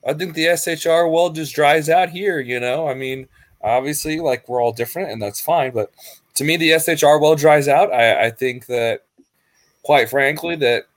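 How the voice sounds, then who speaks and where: A man's voice: a little high, moderate pace, dry recording. Man, podcast co-host, emphatic, repeats himself, dry close mic. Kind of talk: casual debate.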